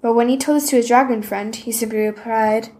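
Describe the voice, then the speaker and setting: A woman reading a children's story aloud in a gentle, expressive way. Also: fairly high pitch, a little fast.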